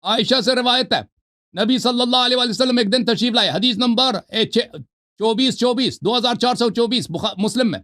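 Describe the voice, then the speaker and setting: Combative debate host, high voice. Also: male voice, bright, forceful tone. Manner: combative, talks over the caller, reads out book passages. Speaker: host of a debate call-in show. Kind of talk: heated religious debate. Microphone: online call.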